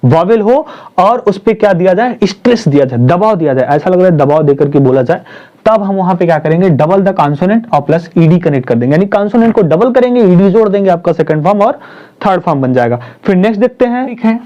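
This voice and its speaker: This grammar teacher's voice is high, mellow and expressive, and his Hindi classroom-style lesson runs on a repetitive question-and-answer pattern. He goes over points again, answers his own questions, and spells terms out slowly with stressed syllables, all on dull lo-fi audio.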